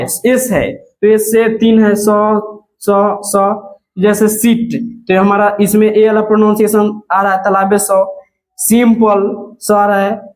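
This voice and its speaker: A man with a high voice teaches English letter sounds to beginners. He talks slowly and patiently, saying each example word two or three times. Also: low-quality recording. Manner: slow, repeats example words several times. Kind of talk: classroom lesson on letter sounds.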